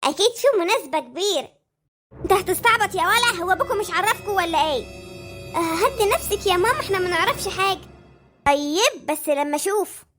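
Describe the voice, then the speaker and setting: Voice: very high-pitched, animated, fast talker, music in the background. A performer voicing a spoiled, demanding Egyptian housewife who talks in a whiny, coaxing way.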